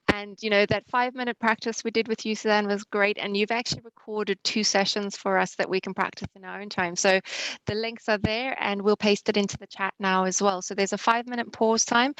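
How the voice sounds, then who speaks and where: A woman's voice: medium pitch, fairly bright tone, no room sound, rough recording. A woman with a South African accent co-hosting an online wellness webinar and announcing upcoming sessions. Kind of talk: casual online webinar talk. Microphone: video call.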